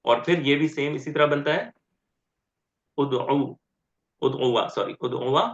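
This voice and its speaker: Slow, repeating grammar teacher in a roomy lo-fi recording. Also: male voice, medium pitch. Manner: explains step by step, often asks "ठीक है?"; repeats word forms slowly and deliberately. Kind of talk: online grammar lecture. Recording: roomy, dull lo-fi sound.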